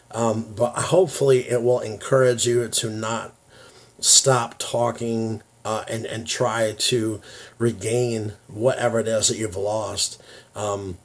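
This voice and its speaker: American guy vlogging, slow halting speech, dysphonia, works hard to get words out, confiding and casual. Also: fairly low pitch, little pitch movement. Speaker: YouTube vlogger. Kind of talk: confiding casual talk to viewers.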